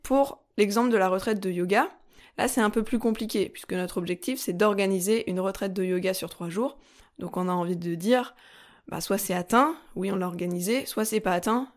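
A woman hosting a solo podcast, explaining things calmly and step by step with frequent fillers. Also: medium pitch. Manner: calm, methodical, step-by-step teaching with frequent fillers. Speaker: podcast host.

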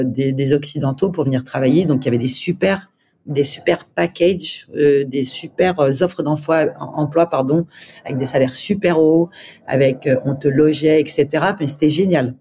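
A woman in her forties from France tells her story to an interviewer. Her voice is mellow and dark. She speaks haltingly, with frequent fillers and restarts. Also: sits low, a little hiss or hum. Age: 40s. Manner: halting, many fillers and restarts, laughs while telling. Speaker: guest.

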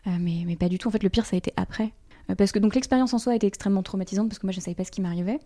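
A woman talks openly as a podcast guest, her voice mellow and warm. She pauses and fills gaps as she goes, and laughs often. Her pitch sits in the middle range. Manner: halting, full of fillers, laughs often. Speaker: interview guest, brand designer. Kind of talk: candid podcast conversation.

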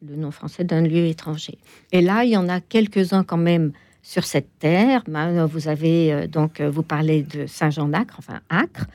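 A woman guest explaining things in an interview, hesitant, with many pauses and fillers. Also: sits low, steady tone, darkish tone, no room sound. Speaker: toponymy expert guest. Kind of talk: interview answers.

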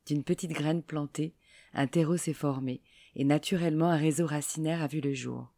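A woman podcast host giving a scripted, measured narration. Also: deep voice, steady tone, warm tone. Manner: measured, read-aloud delivery.

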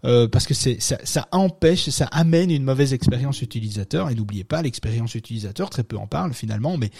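A man hosts a live podcast from his home, talking casually and stumbling through fillers and restarts. His voice is mellow and darker in tone, and he sounds close and dry, without room reverb. He chuckles at his own asides now and then. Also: medium pitch, animated, fairly quick, gravelly, husky. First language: not French-born, francophone. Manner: rambling, many fillers and restarts. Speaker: podcast host.

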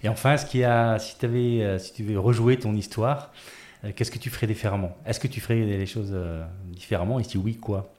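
A man's voice: lowish voice, fairly even intonation, a little fast, darkish tone. A man hosting a podcast interview, asking friendly, rambling questions with fillers. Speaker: podcast host. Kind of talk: casual interview talk. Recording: roomy echo.

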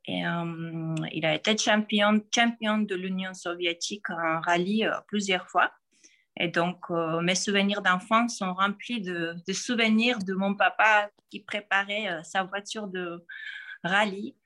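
A podcast guest, a woman in her forties with a Georgian accent, answers interview questions haltingly, pausing often and restarting. Her mid-range voice has a steady, sharp tone.

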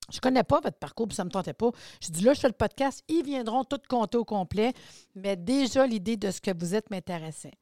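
A woman's voice: fairly high pitch, a little mellow, no echo, clean studio sound. A woman with a Quebec French accent hosting a podcast interview, chatty and colloquial. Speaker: podcast host. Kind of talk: casual interview chat.

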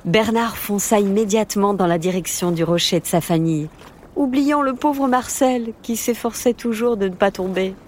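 A woman narrating a children's story in a lilting, expressive way. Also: mid-range voice, moderate pace, a little hiss or hum. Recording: music bed under the voice.

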